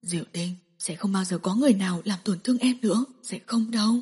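A woman narrator voicing a gentle, worried young man who speaks softly and soothingly. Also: mid-range voice, quick pace, breathy edge, big-room sound. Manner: soft, soothing.

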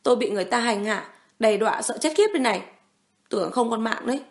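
Woman voicing a tearful, sharp-tongued young heroine. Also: quick pace, lightly acted. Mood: scolding. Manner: pleading, shrill, stammering.

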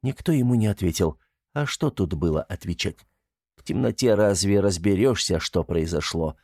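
Audiobook narrator: man, low voice, measured delivery, dry booth recording. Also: animated, darkish tone, slightly rough, no echo. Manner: measured, storytelling.

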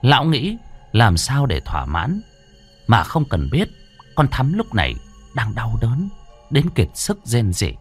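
A man's voice: medium pitch, huge pitch swings, measured pace, breathy edge, soft background music. A man narrating a ghost story with a dramatic, ominous delivery.

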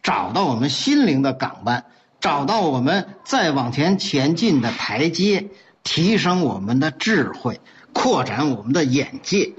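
A man speaking in a promotional message about reading, measured and reflective. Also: on the high side, very animated, dull audio, a little hiss or hum.

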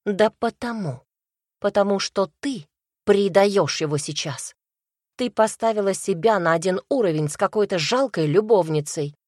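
A woman's voice: mid-range voice, lively intonation, normal speed, darkish tone, no room sound, lightly acted. Woman voicing indignant adult daughter, accusing, mocking, storybook, dry. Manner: accusing, sarcastic, raised voice.

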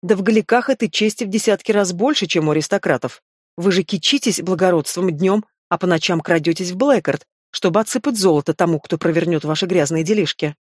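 A woman's voice: lowish voice, a little fast, husky, no echo, studio quality. The audiobook reader voicing a sly, playful young female thief who teases, argues and pleads. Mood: teasing. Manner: teasing and coy, then pleading.

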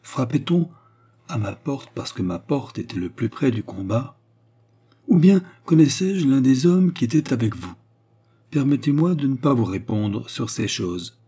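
A man reading the lines of a young woman who feigns repentant love, in an earnest, softly dramatic tone. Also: medium pitch, lively intonation, measured pace, husky. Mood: pleading. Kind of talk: audiobook character reading.

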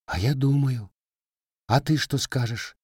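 A man's voice: medium pitch, a little slow, darkish tone, breathy edge, dry recording, clean studio sound, pitched above the performer's own voice. A man voicing a sly, teasing young Cossack widow in a storybook reading, raising his voice for her. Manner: slightly raised, teasing folk speech.

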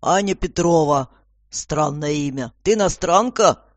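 The narrator voicing a gruff, grumbling commissar. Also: mid-range voice, measured pace, no room sound, lightly acted. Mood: irritated. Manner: grumbling, barking orders. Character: gruff stout police commissar, irritable.

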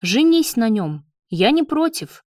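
A woman's voice: mid-range voice, sing-song, a little slow, dry recording, clean studio sound. A woman reading the part of a mocking, scheming young man in a spoken story, with a taunting delivery. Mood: sneering. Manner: sneering, taunting.

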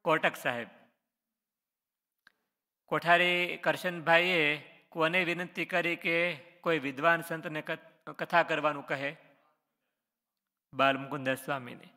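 A man's voice: a little high, fairly even intonation, slow pace, long pauses, sharp tone. Man, scripture quiz review, questions then answers, echoing hall. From Gujarat, India. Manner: reads a question then answers it, adding short explanations. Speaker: religious teacher.

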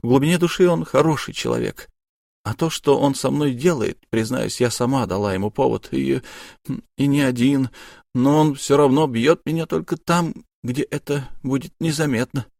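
A sad young noblewoman, as a male narrator puts her on, soft-spoken and wry, with a quiet bitterness. Her voice sits a little higher than his own, recorded close and completely dry. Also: animated, normal speed, creaky, no room sound. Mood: bitter. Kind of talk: audiobook character voice.

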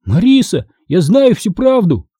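A man reading a storybook, voicing a frantic twelve-year-old boy who shouts insistently. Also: very high voice, wildly swooping pitch, slow pace, husky, dry recording, clean studio sound, pitched above the performer's own voice, full character voice. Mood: shaken.

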